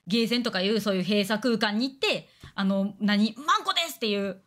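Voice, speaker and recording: A woman's voice: medium pitch, a bit bright. A young woman with a Kansai accent, chatting bluntly and crudely on a casual stream. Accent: Kansai Japanese. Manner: blunt, crude, fast banter with acted-out quotes.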